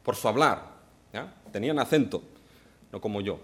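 A man's voice: lowish voice, animated, normal speed. A man preaching a sermon, asking the congregation rhetorical questions and making playful asides. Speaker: pastor.

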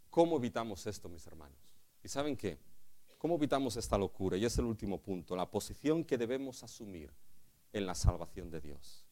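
A man's voice: fairly low pitch, a little mellow. A man from preaching a sermon, often calling listeners his brothers and asking rhetorical questions.

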